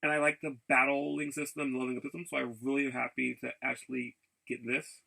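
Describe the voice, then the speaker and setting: A casual vlogger shows off his game and figure pickups, chatting eagerly in a bright, forceful voice full of gravelly fry and pitched in an ordinary male range. His delivery is flat and halting, and he rambles, often repeating words, backtracking, or switching course mid-sentence. The recording is rough.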